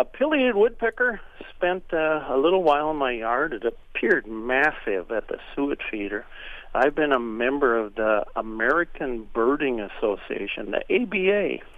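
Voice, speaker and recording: A man's voice: medium pitch, dry recording. Joking man on a tinny phone line. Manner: folksy, joking storyteller. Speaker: regular birding guest on a radio show. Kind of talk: casual radio chat.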